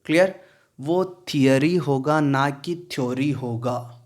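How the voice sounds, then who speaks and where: A man teaching pronunciation in Hindi, explaining slowly, repeating words and often asking if it is clear. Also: mid-range voice, a little mellow. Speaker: English teacher. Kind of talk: pronunciation lesson.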